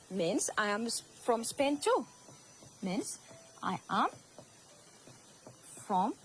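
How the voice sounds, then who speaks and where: A woman teacher with an Ethiopian accent, whose first language is Amharic, gives a slow, repetitive English lesson to young students. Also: medium pitch, a little hiss or hum, poor audio. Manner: slow, repeats words, addresses students.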